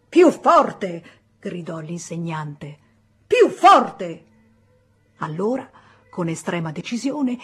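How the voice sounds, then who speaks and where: Husky woman reading a novel aloud. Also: medium pitch. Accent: Italian. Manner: measured, expressive reading. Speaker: audiobook reader. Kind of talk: literary audiobook narration.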